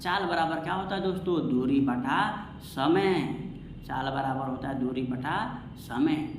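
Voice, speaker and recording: A man teaches an exam-prep science lesson in a mid-range voice, speaking a little slowly. He repeats himself and poses questions he then answers. The room is echoey, with faint background noise.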